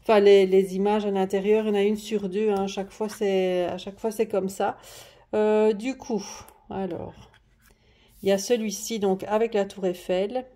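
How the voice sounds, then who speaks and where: A craft haul vlogger chats about her paper pads from her home desk, her medium-pitched, mellow voice level and moderately paced. Her casual show-and-tell is hesitant, with lots of fillers and restarts, recorded by a desk camera she shifts nearer and farther.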